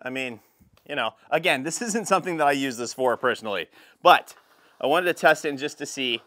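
His voice sits in the mid range, brisk and sharp-toned. He's a car detailing channel host in his thirties, casually guiding viewers through a product test in a chatty, filler-heavy style on a lapel mic. Scenes for this laid-back review vlog include a garage workshop, an outdoor spot by a van, and a home hallway.

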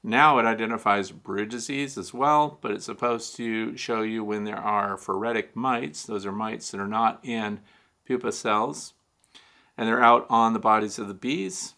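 Gravelly older man hosting a beekeeping show. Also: medium pitch, steady tone, normal speed, pushed and bright. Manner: conversational, frequent "uh" fillers, wry asides. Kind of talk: casual advice talk to camera. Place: small home studio with shelves and neon sign.

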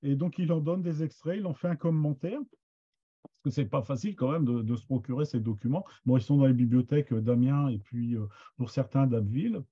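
A man giving an informal lecture on books and their authors, pausing often with fillers and restarts. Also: medium pitch, husky. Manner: hesitant, many fillers and restarts. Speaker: lecturer on Picard literature. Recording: dull lo-fi sound.

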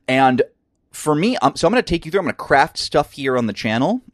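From a craft room at home, a man hosts a casual crafting tutorial, enthusiastic and rambling with lots of fillers. His scratchy voice is fairly high, sing-song and a little fast, recorded at studio quality with no room sound.

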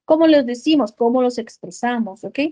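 A woman's voice: a little high, expressive, normal speed, warm tone. A woman with an Ecuadorian Spanish accent teaching an online English class, explaining in Spanish with English examples and often checking with "ok?".

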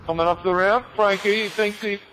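A man's voice: sits high, steady tone, a little fast, a bit bright, slight background noise, low-quality recording. A man voicing a taunting New York tough guy over game chat, with a put-on New York accent.

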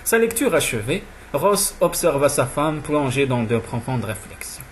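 A man narrating a romance novel in an audiobook, with smooth, even storytelling. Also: mid-range voice, moderate pace, a little hiss or hum.

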